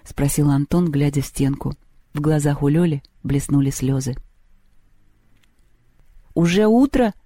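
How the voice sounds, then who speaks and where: A man narrating a storybook in an even, measured way. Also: fairly high pitch, dry recording. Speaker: audiobook narrator.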